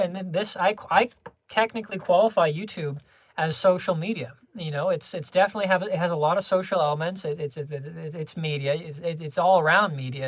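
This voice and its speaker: In a dry recording, a young adult livestreamer chats casually with viewers, laid-back and homebody in manner, rambling through frequent restarts and small laughs.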